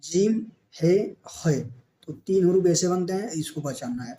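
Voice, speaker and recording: Indian urdu guy teaching kids to read, mellow voice a bit high, sounds out each syllable. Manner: spells out letters and syllables slowly, asks and answers himself. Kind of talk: beginner reading lesson.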